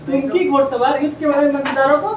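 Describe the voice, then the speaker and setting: A man's voice: very high voice, little pitch movement, quick pace, distant mic, muffled recording, a crowd in the background. A male coaching teacher, lecturing a class and drilling facts by repeating them and quizzing his students. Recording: echoey classroom, heard from afar.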